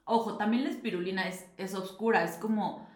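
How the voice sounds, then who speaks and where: A young woman talks casually as a podcast host, chatty and animated, full of fillers. Her voice sits at an ordinary middle pitch. The room around her gives a clear echo. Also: a little fast. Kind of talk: casual nutrition talk.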